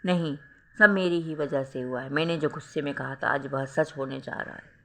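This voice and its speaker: A storyteller voicing a young wife who scolds her sister and later weeps with guilt, in a bright voice. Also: medium pitch, steady tone, normal speed, creaky. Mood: tearful. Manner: scolding, then tearful and guilt-ridden. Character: stern young wife, protective older sister.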